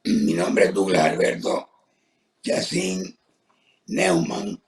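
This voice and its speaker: An older man who speaks slowly and haltingly, his voice distorted and rough from a tracheotomy, answering interview questions. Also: lowish voice, very animated, roomy sound. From Venezuela. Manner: slow, halting, with many pauses and fillers. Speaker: retired professor, guest.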